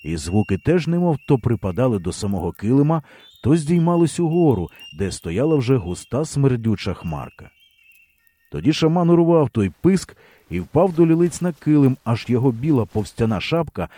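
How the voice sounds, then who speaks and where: A man reading a historical novel aloud as an audiobook narrator, with expressive storytelling. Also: medium pitch, moderate pace, dry recording.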